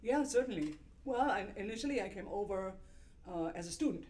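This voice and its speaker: This is a middle-aged man with a German accent, speaking as a guest on an interview podcast. He tells his stories in a relaxed, anecdotal way and often laughs through them. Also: high voice, a little fast, a little hiss or hum. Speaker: music professor.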